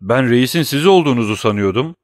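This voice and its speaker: A man's voice: mid-range voice, expressive, fast talker, no room sound, studio quality, voice pushed up, lightly acted. A man voicing a desperate, greedy captive banker in an audiobook, pleading and agitated.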